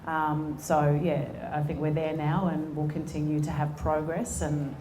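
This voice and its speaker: A low-voiced Australian woman in her forties talks earnestly on stage, with frequent ums and restarts as she answers. Her voice carries an echo from the event room, with a faint hiss under it. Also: little pitch movement, unhurried, dark tone. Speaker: sports executive and guest speaker. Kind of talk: on-stage conversation. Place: conference room before an audience.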